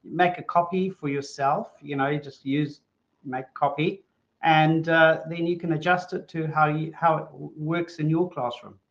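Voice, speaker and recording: A man's voice: on the high side, steady tone, moderate pace. A man with a New Zealand accent co-hosts a webinar, chiming in casually and reading out audience questions. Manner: friendly interjecting, reads audience questions. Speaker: webinar co-host. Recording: dull lo-fi webinar audio.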